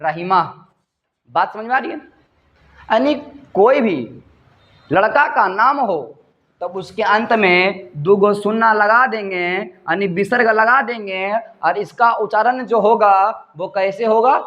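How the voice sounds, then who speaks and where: Slow, high-voiced teacher. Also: male voice, fairly bright tone, muffled recording. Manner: repeats each point as a question and answers it. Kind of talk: Sanskrit translation lesson.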